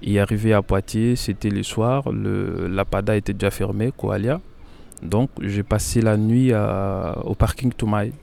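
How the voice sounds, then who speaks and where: A man's voice: lowish voice, fairly even intonation, a little slow, vocal fry, darkish tone, a little hiss or hum. A young man from Congo telling his story in a radio interview, hesitant with many fillers and repeated words. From Congo (Kinshasa). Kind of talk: radio interview, personal testimony.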